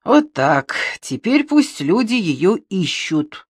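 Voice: medium pitch, sing-song, slow pace, husky, no echo, clean studio sound, heavily acted. A reader voicing a smug, scheming male demiurge who lectures in a self-satisfied way, told as a storybook. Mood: smug, lecturing.

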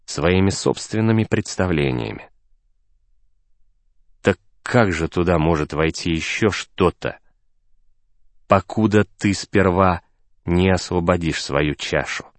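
A tranquil, wise man speaking slowly and softly in a storybook, his voice sunk very low, as a male narrator puts him on. The tone is measured and unhurried. The sound is dry and close. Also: no echo. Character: calm, serene middle-aged man, renewed and wise.

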